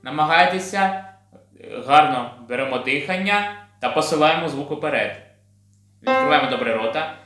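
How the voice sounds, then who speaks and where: Man, choir teacher, gentle and patient, a bit high voice, roomy classroom sound, piano in the background. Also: moderate pace. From Ukraine. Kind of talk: video singing lesson for children.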